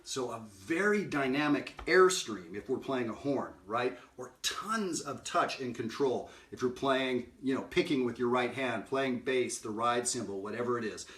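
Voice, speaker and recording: A man's voice: medium pitch, animated, normal speed, few pauses, fairly bright tone, far from the mic, faint music behind. A middle-aged man giving a casual jazz lesson, talking conversationally, singing note examples and often asking "right?". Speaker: jazz educator. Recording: roomy sound from off-mic.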